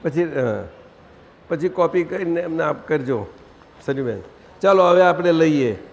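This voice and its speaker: A man leading a satsang, gently directing the audience and asking them questions. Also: on the high side, animated, a little slow, a little hiss or hum. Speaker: spiritual teacher leading a satsang. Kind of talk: conversational religious gathering talk. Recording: long hall reverb.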